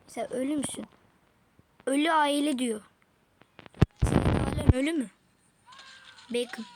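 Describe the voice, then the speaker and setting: A woman giving excitable, slangy play-by-play commentary while gaming, talking to her viewers and her teammates. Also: sits high. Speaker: gaming video creator. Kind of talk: live let's-play commentary. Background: game music.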